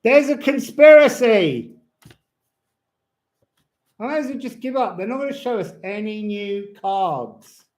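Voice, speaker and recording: A man with a voice that sits high rambles whimsically through a live-stream tarot and astrology chat at home, now and then breaking into bits of song. He speaks at a moderate pace with hardly any pauses and a darkish tone, his words slightly slurred as his lips work over toothless gums.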